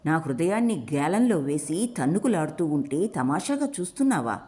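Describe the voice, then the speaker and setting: Taunting hurt young man, read by a woman narrator, mellow tone, audiobook. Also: sits low, very animated, normal speed. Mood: sarcastic. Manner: taunting, sarcastic. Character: mocking hurt young man, sarcastic lover. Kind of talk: audiobook character voice.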